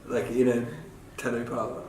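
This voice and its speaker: A man interviewing a friend, asking laid-back, halting questions and laughing often. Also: mid-range voice, monotone, darkish tone. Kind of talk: casual chat. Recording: echoey room with crowd noise.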